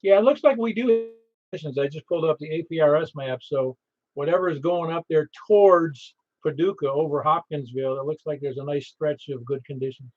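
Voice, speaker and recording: A man's voice: on the high side, fairly quick. A chatty, rambling man casually hosting an amateur radio net, reading out call signs. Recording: slightly dull radio recording.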